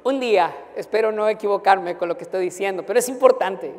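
A man who is a pastor, telling a humorous, animated story during a sermon to students. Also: sits high, fairly quick. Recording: long hall reverb.

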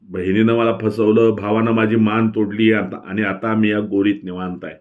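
A man voicing a young village mother longing for her mother's home, in a soft, gentle tone. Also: on the low side, little pitch movement, normal speed, narrow, tinny audio, lightly acted. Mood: tender.

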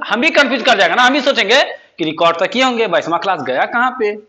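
A man's voice: sits high, animated, fast, bright, forceful tone. A young man with a Bihari Hindi accent, a spoken English teacher chatting casually and jokingly with his class. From Bihar, India.

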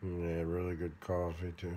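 A man in his forties with an American Midwestern accent, rambling half asleep in a drowsy, halting, mumbled drawl with casual swearing. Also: sits low, monotone, warm tone. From Michigan, United States. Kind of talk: sleep talking, rambling monologue. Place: indoors, lying on a bed or couch. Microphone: phone held close by another person. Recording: noisy handheld phone recording.

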